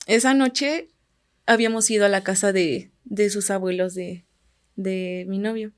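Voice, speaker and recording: A woman with a Mexican Spanish accent telling a story on a podcast. Her voice sits at a middle pitch and stays calm. Her phrases often sink to near a murmur as they finish. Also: measured pace, clean tone. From Guerrero, Mexico. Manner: calm, often trailing off quietly at phrase ends. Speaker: podcast guest. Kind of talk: casual storytelling.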